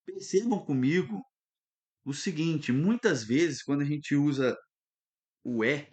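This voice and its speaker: A man teaching a recorded lesson, lively and instructive, often stopping to check that students follow. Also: a little high, slow. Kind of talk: recorded online lesson at a whiteboard.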